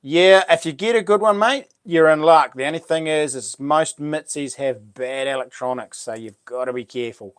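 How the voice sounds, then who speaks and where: A man's voice: on the high side, normal speed, few pauses, clean tone, no room sound, clean studio sound. A man with a broad New Zealand accent chatting casually as a livestream host, full of laid-back, matey Kiwi slang. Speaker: live stream host. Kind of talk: casual livestream chat, reading out comments.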